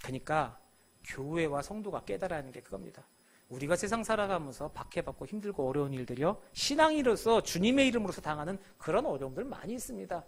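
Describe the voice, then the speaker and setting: A male pastor delivering a sermon in a church, his voice sitting high and leaping widely in pitch. He acts out the biblical characters as he preaches. His delivery is animated, with sudden loud bursts. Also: quick pace.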